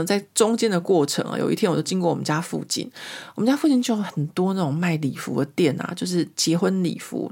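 Podcast host, woman in her 40s, low voice, rambling casual storytelling. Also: darkish tone. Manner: chatty, rambling storyteller, many fillers. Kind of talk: casual chat monologue.

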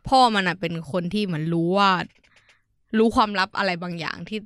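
A woman's voice: medium pitch, a little fast, no room sound. A young woman co-hosting a casual podcast chat, telling stories with crude slang and acting out voices. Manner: lively storyteller, acts out quoted voices, crude slang. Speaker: podcast co-host. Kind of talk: casual chat among friends.

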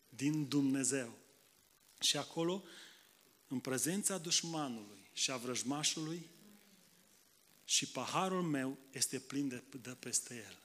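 A man from Moldova preaching in an ordinary mid-range voice. He keeps the congregation engaged with quick tag questions, rising into loud emphatic lines and dropping to quiet asides. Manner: swings between loud emphatic bursts and quiet low asides. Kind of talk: sermon.

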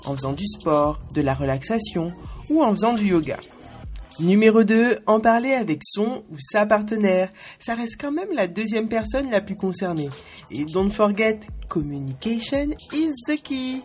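A woman's voice: medium pitch, a little mellow. A woman in her twenties hosting a podcast, with a playful, cheeky scripted monologue spoken straight to the listener. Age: 20s. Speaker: podcast host.

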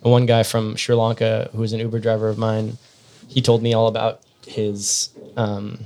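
A man's voice: lowish voice, monotone, normal speed, darkish tone, slight background noise. A man telling long, rambling stories in a casual podcast chat, full of fillers and restarts.

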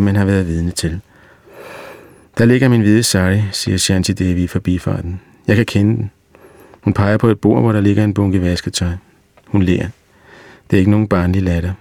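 Low, gravelly male audiobook reader. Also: darkish tone, dry recording. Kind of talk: audiobook narration.

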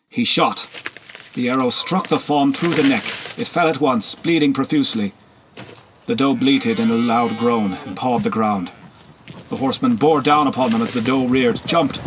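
A man giving scripted first-person narration of a historical story, measured and even. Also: fairly low pitch, husky. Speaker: audiobook narrator.

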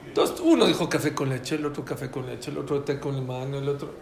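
A man giving an informal, joking talk to a live audience, repeating his key phrases in an animated way. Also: mid-range voice, quick pace, vocal fry, reverberant.

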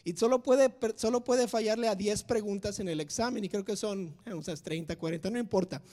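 A male preacher giving a sermon, an animated storyteller who acts out conversations and grows loud and emphatic. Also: high-pitched, brisk. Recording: long hall reverb.

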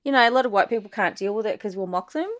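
Australian woman, animated storyteller, dry close sound, guest in a casual chat. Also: mid-range voice, racing, no room sound. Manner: animated storyteller, acts out quoted voices.

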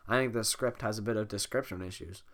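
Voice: medium pitch, fast talker. A person with a bad cold reading a script aloud, coughing and making amused, rambling asides. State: sick, coughing. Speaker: script reader.

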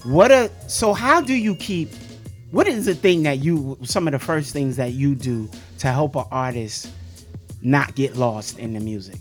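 A man's voice: medium pitch, lively intonation, a little slow, soft background music. A man hosting a radio interview, casually probing his guest with follow-up questions. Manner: casual, probing, pushes for answers. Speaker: radio show host.

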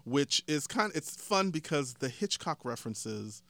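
A man's voice: a little high, a little slow, creaky, no echo. A man hosting a radio interview show, chatting casually and jokingly with his guests in a studio. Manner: chatty, animated, jokey with guests.

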